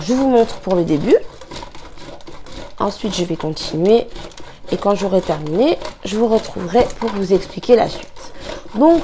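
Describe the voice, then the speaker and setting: In her beauty tutorial, a woman talks casually while her hands stay busy, rambling, restarting, leaning on fillers and slipping in brief apologies. She has a medium-pitched, slightly mellow voice, with slight background noise.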